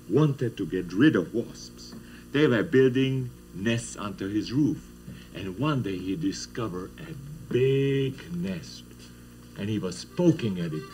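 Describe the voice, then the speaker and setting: Slow man telling kids a story. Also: mid-range voice, animated, a little mellow, faint music behind, rough recording. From Czech lands. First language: Czech. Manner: playful, asks children questions. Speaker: children's TV host. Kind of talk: storytelling to children.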